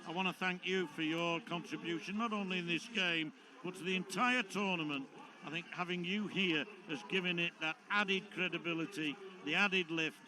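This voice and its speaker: A man giving live play-by-play football commentary, rising to excited shouts when play gets tense. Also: sits high, moderate pace, noisy background. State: out of breath.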